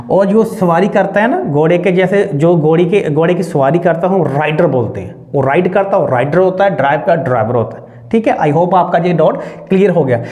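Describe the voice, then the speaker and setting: A man's voice: high-pitched, a little mellow. A man teaching English verbs in Hindi, asking the class to repeat verb forms again and again. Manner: drills verb forms with repeated call-and-response questions; mixes Hindi with English words. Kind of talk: online spoken-English lesson.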